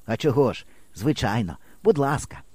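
A man reading an audiobook voices a calm, modest city boy who talks simply and kindly. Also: medium pitch, normal speed, no echo, lightly acted. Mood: friendly. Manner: simple, friendly, unboastful. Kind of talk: audiobook character voice.

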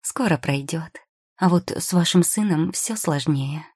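Storybook: woman as a patient young witch-shopkeeper, low, husky and dry. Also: measured pace, a little mellow, no echo. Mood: practical. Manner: patient, soothing and practical. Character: calm, quick-witted young potion-maker girl.

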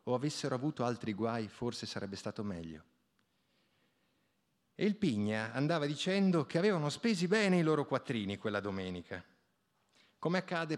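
A man reading a literary short story aloud on the radio, with expressive storytelling. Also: medium pitch. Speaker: radio reader.

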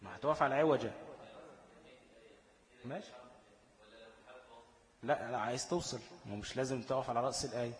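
A man with an Egyptian accent leads a tajweed lesson at an even middle pitch. He quizzes his students and answers his own questions, then slows down to chant each quoted verse. His voice rings with a long reverb, as if in a large hall. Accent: Egyptian Arabic. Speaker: Quran recitation teacher. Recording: echoey room with long reverb.

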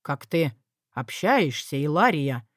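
A scheming young lord, sly and lustful, who draws out his words with quiet menace, as a woman narrator performs him. His voice sits low. It sounds dry and close, with no room around it. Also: very animated, dry recording, heavily acted. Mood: stern. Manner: low, menacing, drawn-out lines. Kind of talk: audiobook character voice.

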